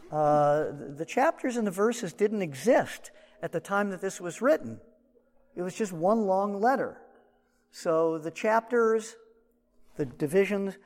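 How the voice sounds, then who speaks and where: Male Bible teacher, high voice, muffled pocket recording, long hall reverb. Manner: conversational, explaining with asides. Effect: muffled, recorded from a shirt pocket.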